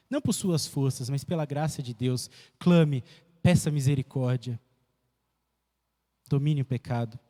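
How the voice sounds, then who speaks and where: Man preaching, high voice, emphatic repetition, long echoey church hall. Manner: emphatic preaching with repetition and sharp pitch swings. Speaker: pastor. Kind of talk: sermon. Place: church sanctuary.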